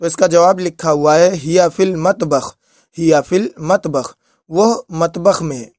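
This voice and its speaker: A man's voice: fairly high pitch, a little mellow, no echo. Man teaching in a dry room. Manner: repeats each example slowly. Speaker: Arabic teacher. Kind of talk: lesson.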